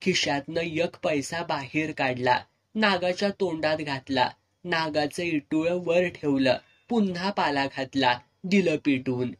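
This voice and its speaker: A man's voice: on the high side, unhurried, a bit bright. A man narrating a serialized village novel in earthy, vivid dialect. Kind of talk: storytelling narration.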